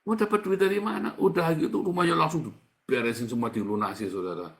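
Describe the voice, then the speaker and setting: A man's voice: on the high side, steady tone, fast. A man preaching a sermon with fervor, urging listeners to repeat phrases after him. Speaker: pastor. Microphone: online Zoom session.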